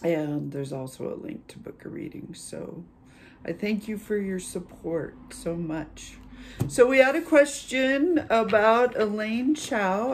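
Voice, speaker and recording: A woman hosting her own channel, giving a casual tarot reading in an unhurried, chatty way with many filler pauses. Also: fairly low pitch, darkish tone, a little hiss or hum. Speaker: tarot reader and channel host.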